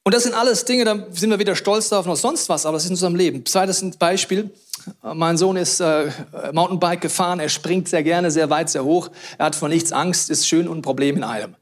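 A middle-aged man preaching a sermon, telling stories animatedly with sudden loud outbursts and hushed asides. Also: high voice, a little fast.

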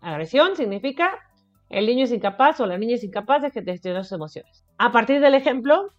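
A woman's voice: on the high side, expressive, quick pace. Earnest Mexican woman giving radio advice. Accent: Mexican Spanish. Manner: earnest, repeats words, asks rhetorical questions. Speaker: education expert. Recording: slightly muffled radio audio with faint music.

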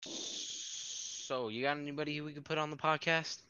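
Rambling man with a smooth voice. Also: a little high, steady tone, normal speed, sharp tone. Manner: rambling, with many fillers and restarts. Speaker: podcast co-host. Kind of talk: casual chat. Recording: slightly dull lo-fi sound.

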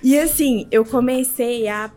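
High-voiced woman telling a story. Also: a little slow, faint music behind. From Brazil. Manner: animated, acts out quoted dialogue. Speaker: podcast guest. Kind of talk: casual interview storytelling.

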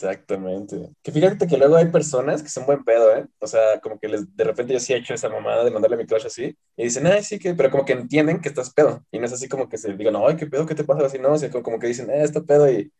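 Young Mexican man, podcast guest: quick, rambling slang, warm dark tone. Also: medium pitch. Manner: slangy, rambling, swears freely. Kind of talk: casual chat.

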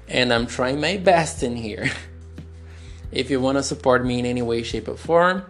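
With a mid-range, fairly bright voice, a young Brazilian podcast host speaks English with a Brazilian accent, Portuguese being his first language. Over soft background music, he tells a personal story recorded on a phone, slowly and candidly, pausing, restarting, and searching as he goes.

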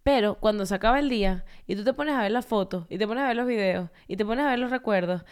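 A woman's voice: mid-range voice, quick pace, clean tone. A woman in her thirties co-hosting a casual podcast chat, telling stories with laughter and animation. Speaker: podcast co-host.

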